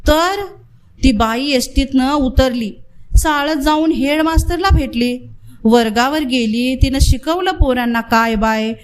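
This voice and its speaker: A woman doing a rambling village man, a fumbling gossip who can never get his news out straight. His voice sits fairly high and slightly raised, rustic and meandering. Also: a little slow, slight background noise. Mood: eager.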